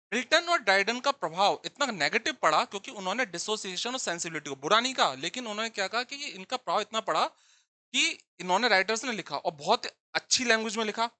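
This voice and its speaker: A man's voice: high-pitched, pushed and bright, no room sound. A man teaching English literature for exams, explaining step by step, repeating key terms and answering his own questions. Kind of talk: exam-prep lecture in Hindi with English terms.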